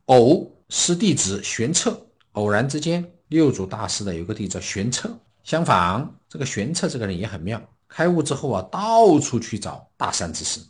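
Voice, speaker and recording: A man delivers a Buddhist dharma talk in a storytelling manner, explaining old scripture. His pitch is average for a man, and his voice rises and falls widely as he acts out the figures he quotes. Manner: storytelling, acting out quoted speakers with lively swings. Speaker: Buddhist teacher.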